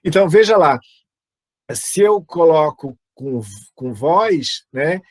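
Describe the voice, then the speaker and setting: A man's voice: a little high, lively intonation, takes it slowly, no echo. A Brazilian Portuguese-speaking man teaching music over a video call, chatty and full of asides. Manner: chatty, lots of fillers and asides. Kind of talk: online teaching talk.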